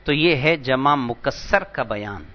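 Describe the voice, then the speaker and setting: A man teaching an Arabic grammar lesson, patient and slow, repeating each word for emphasis. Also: medium pitch, expressive, muffled recording. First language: Urdu. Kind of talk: lecture explaining vocabulary.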